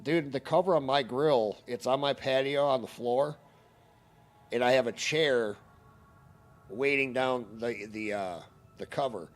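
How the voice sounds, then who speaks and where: Man, streamer, casual rant, profane, heated, middle pitch. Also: unhurried, long pauses. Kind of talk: casual ranting storytelling.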